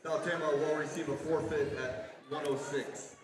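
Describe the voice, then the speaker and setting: High-voiced man over a gym PA. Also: little pitch movement, moderate pace, noisy background. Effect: over a PA system. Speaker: public address announcer. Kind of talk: gym announcements. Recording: echoey gym PA heard from far off, crowd.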